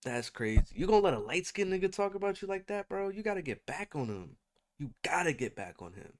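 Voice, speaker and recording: A man's voice: high-pitched, big pitch swings, fairly quick. A man giving casual reaction commentary in slangy, exclaiming talk, often repeating himself for emphasis. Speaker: reaction video host.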